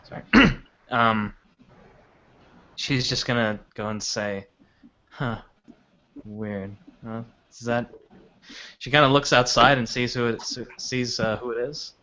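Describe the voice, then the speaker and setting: A man's voice: mid-range voice, fairly even intonation, measured pace, sharp tone. A man narrating his character in a tabletop game, rambling with restarts. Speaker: tabletop player. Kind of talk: casual role-play chat. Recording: dull lo-fi sound with faint noise.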